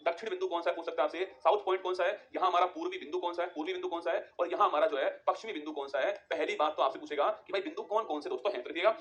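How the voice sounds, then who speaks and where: A man teaching an exam-prep geography lesson, drilling facts with quick repeated rhetorical questions. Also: fairly high pitch, steady tone, a bit bright.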